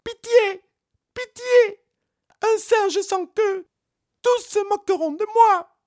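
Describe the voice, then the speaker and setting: A man voicing a sly, lying male monkey in a storybook, with a shrill, squeaky voice. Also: slow pace, darkish tone, no room sound, studio quality. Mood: panicked.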